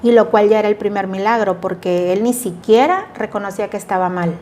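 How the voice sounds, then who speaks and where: A woman's voice: medium pitch, brisk, darkish tone, a little hiss or hum. A middle-aged woman giving an earnest, reflective personal testimony as an interview guest. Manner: earnest, reflective, acts out remembered dialogue. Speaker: guest sharing a personal story.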